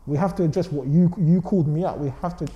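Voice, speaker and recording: Man, London roadman accent, very mellow dark tone, quick street-slang talk, emphatic and defensive, roomy echo. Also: fairly high pitch, muffled recording. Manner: defensive, emphatic, repeats check phrases like "do you know what I'm saying". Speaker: blogger interview guest.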